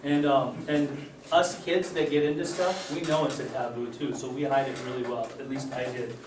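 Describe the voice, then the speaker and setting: A middle-aged man born in Germany and raised in Utah, giving an earnest personal recovery testimony with many fillers and pauses. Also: mid-range voice, steady tone, background noise. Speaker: recovery speaker. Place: event hall. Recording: echoey hall, distant mic.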